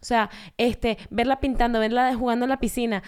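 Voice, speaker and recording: Fast-talking, clear-voiced woman. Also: a little high. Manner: laughing, animated storytelling. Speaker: podcast co-host. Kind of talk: casual chat.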